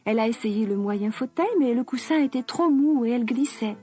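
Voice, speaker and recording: A woman narrating a children's story slowly and expressively. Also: fairly high pitch, faint music behind. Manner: slow, expressive, lively.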